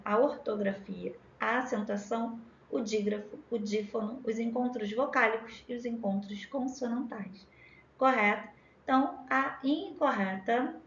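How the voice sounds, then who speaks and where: Rio-accented woman teacher, fairly high voice, drawing out syllables in an echoey lo-fi room. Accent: Rio de Janeiro Portuguese. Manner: spells out words sound by sound, drawn-out syllables. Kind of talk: exam-prep lesson.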